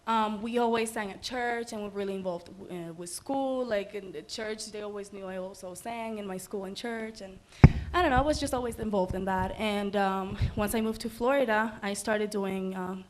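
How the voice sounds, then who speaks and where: A woman's voice: mid-range voice, normal speed, few pauses, slight background noise. A young woman from the Dominican Republic, a singer, chatting as a guest in a casual livestream interview, bubbly with many ums. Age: young adult.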